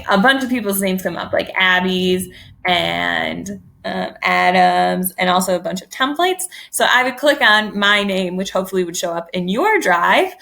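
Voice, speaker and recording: A woman's voice: medium pitch, gravelly, fairly bright tone. A woman teacher giving an online poetry lesson, thinking aloud in a friendly way while she types.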